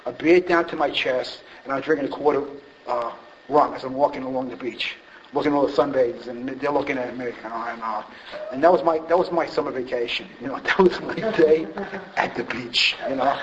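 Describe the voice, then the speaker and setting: A man's voice: medium pitch, brisk. A man telling a rambling, self-deprecating personal story about his drinking, full of fillers and restarts. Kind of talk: personal recovery story told to a group. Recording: dull lo-fi recording, faint hiss.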